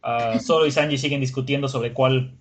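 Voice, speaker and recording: Man, podcast host, casual recap, chatty, laughs a lot, filler words, mid-range pitch. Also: fairly even intonation, moderate pace.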